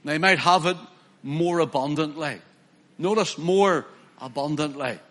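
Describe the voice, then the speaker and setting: Bright-voiced preacher man, emphatic. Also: on the high side, a little slow. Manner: emphatic, swings from loud declaiming to quiet pleading. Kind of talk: sermon.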